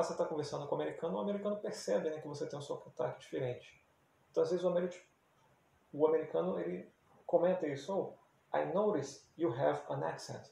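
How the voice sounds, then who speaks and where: A man's voice: on the high side, gravelly, mellow. A man from Brazil giving a casual English lesson, explaining step by step and often adding tag questions. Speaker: English teacher. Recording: very echoey room, faint background hum.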